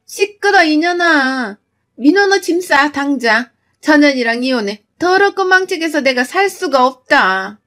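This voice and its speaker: A woman voicing a harsh, bossy middle-aged mother-in-law who scolds and insults in a shrill, loud voice. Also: animated, moderate pace. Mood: furious.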